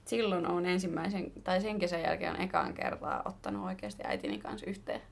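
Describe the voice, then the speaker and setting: A woman's voice: on the low side, very animated, gravelly. A young woman co-hosting a podcast, chatting casually and telling stories with laughter and slangy swearing. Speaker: podcast co-host. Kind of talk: casual chat.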